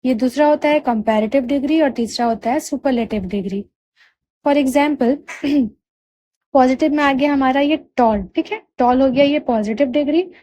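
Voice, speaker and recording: A woman teaching English grammar, patiently checking understanding and drawing out key words slowly. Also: high-pitched, mellow, no echo. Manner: drawls key words slowly to spell them out. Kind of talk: explanatory lesson.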